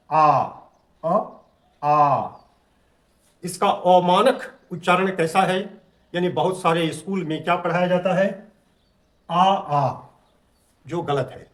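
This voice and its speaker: A man teaching a grammar lesson, patiently explaining and drawing out vowel sounds to demonstrate pronunciation. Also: sits high. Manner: slow, drawn-out vowel demonstrations.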